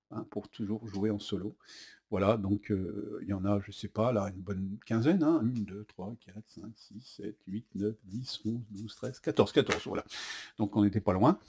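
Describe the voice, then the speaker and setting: A man's voice: lowish voice, darkish tone. Chatty French man demoing a board game. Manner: chatty, says "hop" as he flips cards; hesitant, many fillers. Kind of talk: casual unboxing and rules demo.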